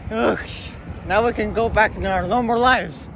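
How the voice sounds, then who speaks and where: A man hosting his own vlog in casual chat, animated and joking, exclaiming often. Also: high-pitched, normal speed, slight background noise. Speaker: vlogger.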